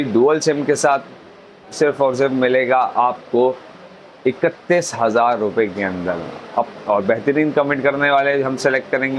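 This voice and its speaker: Pakistani salesman pitching over background noise. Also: rough recording. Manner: repetitive, salesman-like patter. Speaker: mobile phone shop presenter. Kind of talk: promotional sales pitch listing phone models and prices.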